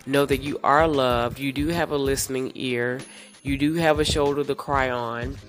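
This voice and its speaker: A woman's voice: extremely low pitch, fairly even intonation, moderate pace, soft background music. A woman hosting a podcast, her voice congested from sinus trouble, giving reassuring words in a casual monologue full of fillers. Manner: warm, reassuring, many fillers. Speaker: podcast host.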